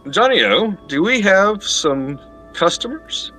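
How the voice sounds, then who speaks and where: A man's voice: sits high, very animated, slow, bright, forceful tone, soft background music, voice pushed up, full character voice. A man voicing an imperious, unhinged sorceress in a tabletop game, with a probing, threatening manner. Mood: haughty, calling.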